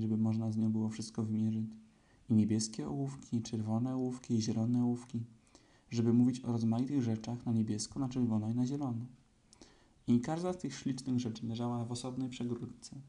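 A man calmly reading a children's storybook aloud as narrator. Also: mid-range voice.

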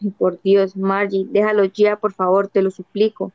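A woman's voice: medium pitch, moderate pace, dry recording, lo-fi sound, natural voice. A woman voicing a weary, evasive old husband. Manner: tired, flat, dodging answers. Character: weary evasive husband of fifty-six, man. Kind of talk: audiobook dialogue reading.

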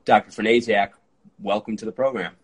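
A man in his early thirties hosting a podcast interview, eager and quick, with frequent fillers. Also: lowish voice, steady tone, husky, poor audio. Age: 30s. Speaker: podcast host. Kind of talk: conversational interview.

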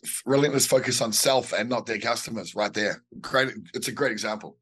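A man co-hosting a podcast, talking through business ideas in a halting way, repeating words as he thinks, a bit under the weather. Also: mid-range voice, a bit bright, husky. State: a bit unwell with a bug. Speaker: podcast co-host. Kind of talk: casual business chat.

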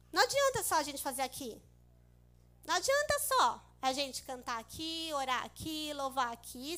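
High-voiced Brazilian woman preaching. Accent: Brazilian Portuguese. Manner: expressive storytelling, acting out dialogue. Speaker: church speaker. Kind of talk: testimony preaching to a congregation.

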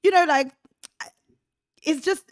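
A woman in her thirties co-hosting a casual faith discussion podcast, chatty and expressive, laughing often. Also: high voice, a little slow, no echo, studio quality. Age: 30s. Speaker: podcast co-host.

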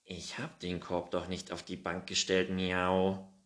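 A hissing, offended storybook tomcat, voiced by a man. The voice stays low and unhurried. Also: monotone, a bit bright.

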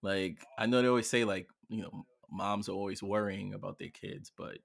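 A man in his thirties co-hosting a casual podcast, his voice low and gravelly. He tells stories with animation, acting out his own lines. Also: moderate pace. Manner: animated storyteller, acts out his own shouts. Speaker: podcast co-host. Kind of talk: casual chat.

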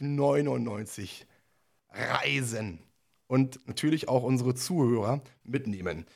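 Guy hosting an interview, kinda high voice, friendly, rambles and repeats himself. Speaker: podcast host, interviewer. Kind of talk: conversational interview.

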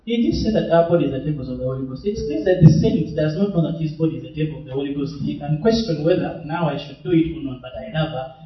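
A man's voice: on the high side, fast talker, muffled recording. A young man preaching at a retreat Q&A, exhorting the audience directly and laughing often. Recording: echoey hall, mic far off.

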